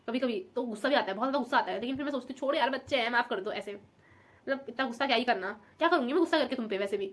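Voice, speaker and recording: A young woman talks quickly in a casual vlog, her voice sitting a little high. She sounds emotional and affectionate, rambling from one thought to the next. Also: a bit bright. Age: young adult. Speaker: vlogger.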